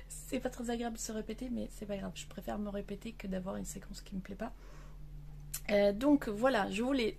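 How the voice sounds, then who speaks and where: A woman chats casually about her reading in a vlog, her voice sitting a little high for a woman. She talks with her hands and fills her sentences with hesitations and restarts. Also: gravelly, darkish tone, slight background noise. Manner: hesitant, many fillers and restarts. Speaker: book vlogger. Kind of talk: casual chat. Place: outdoor terrace.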